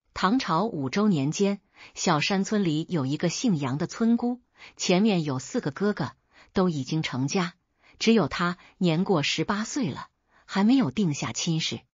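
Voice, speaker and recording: A woman narrating folk tales as a storyteller, in a steady, even reading. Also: lowish voice, husky, no echo. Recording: dull dry recording.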